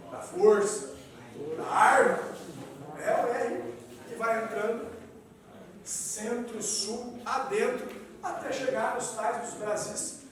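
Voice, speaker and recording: A man giving an animated lecture to an audience, often checking in with "né". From southern Brazil. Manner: animated, wide swings in pitch and loudness, frequent "né". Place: meeting hall. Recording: echoey hall, distant mic, faint noise.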